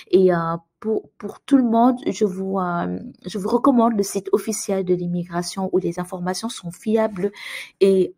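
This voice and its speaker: A woman with a warm, mid-range voice hosts an immigration advice channel, answering viewer emails. Her delivery is casual and friendly, full of hesitations and fillers.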